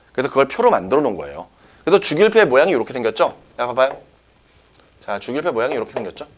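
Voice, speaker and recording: Male teacher, classroom lecture, slightly high and very animated, checks on students constantly. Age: young adult. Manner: lively, checks often with students. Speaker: science teacher.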